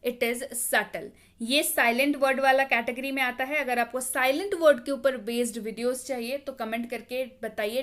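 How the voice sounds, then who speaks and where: Woman teacher, slightly high voice, slow deliberate drilling of word meanings. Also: fairly bright tone. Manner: patient, drills each word twice, corrects pronunciation. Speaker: English teacher. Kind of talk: vocabulary lesson, word then meaning, repeated slowly.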